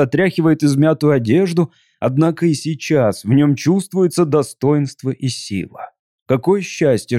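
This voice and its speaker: A man narrating a storybook in an even, measured way. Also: medium pitch, no echo, clean studio sound. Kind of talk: audiobook reading.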